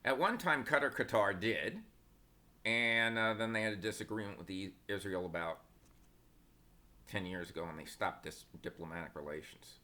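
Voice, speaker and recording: A man's voice: lowish voice, moderate pace, pushed and bright. A man giving casual stock market commentary, opinionated and sarcastic, wandering into asides.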